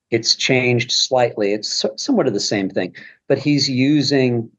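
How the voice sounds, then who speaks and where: Guy on a podcast rambling along, slightly muffled sound. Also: medium pitch. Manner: rambling, many fillers and restarts. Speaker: podcast guest. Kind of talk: casual conversation.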